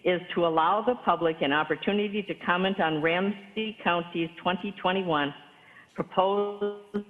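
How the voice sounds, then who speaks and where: A woman's voice: on the low side, faint music behind. Woman chair on a glitchy, cutting-out line. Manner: formal, halting with frequent fillers. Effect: audio cutting out, glitchy connection. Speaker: committee chair. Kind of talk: chairing a public budget hearing. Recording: tinny phone-like line with long reverb.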